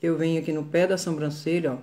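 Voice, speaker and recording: A woman's voice: sits low, little pitch movement, fast, warm tone. A Brazilian woman giving a live makeup tutorial from her phone, chatty and greeting viewers by name as she works. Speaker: makeup artist.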